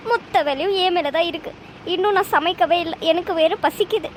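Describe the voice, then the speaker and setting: A woman's voice: very high-pitched, brisk, a little hiss or hum. A woman voicing a spoiled young married daughter in a cartoon, whiny and complaining. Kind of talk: cartoon voice acting.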